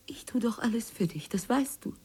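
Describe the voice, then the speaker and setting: A neglected, pleading wife. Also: female voice, fairly high pitch, animated, a little slow, slightly rough. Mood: wounded. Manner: shifts between hushed whispers and tearful pleading. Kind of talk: radio play acting.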